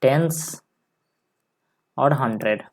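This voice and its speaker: A male maths teacher giving a step-by-step lesson, dictating slowly and repeating each number as he writes it. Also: mid-range voice. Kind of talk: step-by-step lesson while writing on a board.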